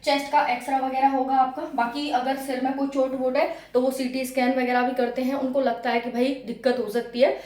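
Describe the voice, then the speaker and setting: A woman's voice: high-pitched, little pitch movement, fairly quick, hardly any pauses, a little mellow, reverberant. A woman coaching exam candidates in a casual, chatty way, repeating her points and speaking to viewers as friends. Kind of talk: casual classroom-style explainer.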